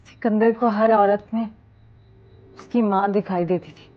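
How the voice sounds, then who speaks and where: A woman's voice: mid-range voice, steady tone, measured pace, muffled recording, natural voice. An actress playing a young wife buried alive by her husband, speaking emotionally in a TV horror drama. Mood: bitter. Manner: emotional, pleading then defiant.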